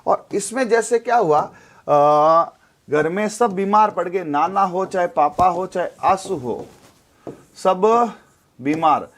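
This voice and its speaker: High-voiced chemistry teacher drilling. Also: male voice, slow pace. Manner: repetitive, drilling, asks and answers his own questions. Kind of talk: classroom lecture with call-and-response drills.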